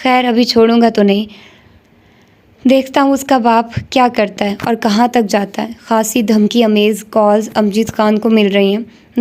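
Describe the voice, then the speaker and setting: A woman voicing a stern, protective young male police officer who speaks gravely. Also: a little high, a little mellow, natural voice.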